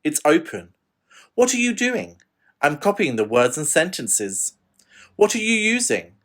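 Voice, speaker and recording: Slow, lively British drill reader, male. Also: a little high. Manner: slow, deliberate reading with lively intonation. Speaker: course audio reader. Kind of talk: scripted language drill.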